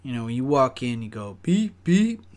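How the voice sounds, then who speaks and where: A man's voice: medium pitch, steady tone, fast, smooth. A young man casually telling a story, rambling and swearing with lots of fillers. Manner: profane, rambling, full of fillers.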